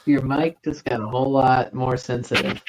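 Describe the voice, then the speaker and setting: A man's voice: medium pitch, flat delivery, normal speed, noisy background. A man co-hosting a stream, adding remarks in casual conversation. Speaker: co-host. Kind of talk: casual chat.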